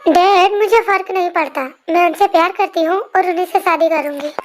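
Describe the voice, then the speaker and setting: Stubborn lovesick girl of twenty in a fan dub, whiny and pleading, real high voice. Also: steady tone, brisk, a little hiss or hum. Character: headstrong twenty-year-old girl in love. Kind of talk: amateur fan dub voice-over.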